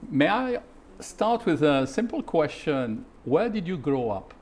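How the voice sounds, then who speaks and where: A man hosting a formal interview, speaking politely and carefully, with frequent pauses. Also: on the high side, sing-song, a little mellow. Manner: measured and polite, with frequent hesitations.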